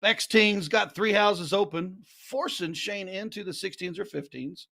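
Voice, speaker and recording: A man with a distinctly high voice and an Ozark accent. He works as a play-by-play host for darts, calling the match live and chatting casually with his co-commentator. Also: unhurried, creaky, bright, forceful tone.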